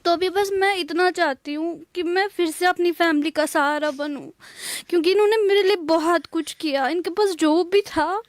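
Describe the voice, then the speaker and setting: Tearful high-voiced young woman. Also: dry recording. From Kashmir. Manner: soft-spoken, hesitant, many pauses and fillers. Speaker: interviewee. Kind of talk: emotional interview.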